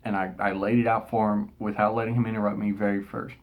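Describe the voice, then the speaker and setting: A man's voice: lowish voice, fast talker, narrow, tinny audio. Exasperated man telling a story. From Texas. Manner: animated, exasperated retelling with frequent restarts. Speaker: vlogger. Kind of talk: casual storytelling rant.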